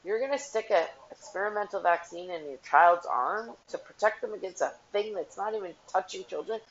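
A woman's voice: medium pitch, fairly quick, slight background noise. A woman and mother ranting casually to camera, blunt and profane, rambling with lots of "like". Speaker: vlogger, mother. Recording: dull lo-fi audio.

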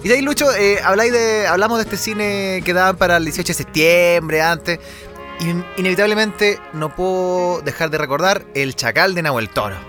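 Bright Chilean man, podcast host. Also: high-pitched, normal speed, faint music behind. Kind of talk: casual chat about films.

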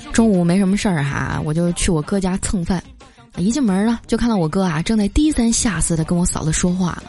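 A woman telling funny stories in a lively, laughing way, as a host. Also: fairly low pitch, quick pace. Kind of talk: comic storytelling. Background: background music.

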